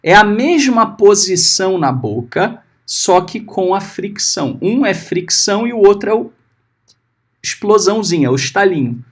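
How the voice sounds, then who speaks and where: A man teaching a Hebrew class. He is patient, checks often that his students are following, and sounds out letters and syllables slowly. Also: high voice, very animated. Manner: patient, often checking understanding with short tags. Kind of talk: recorded class lesson.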